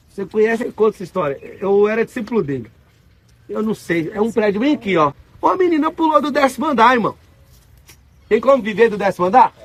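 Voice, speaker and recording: A man with a Brazilian Portuguese accent giving a casual spiritual talk to an audience, telling stories in animated, slangy speech. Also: high voice, husky. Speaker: spiritual speaker.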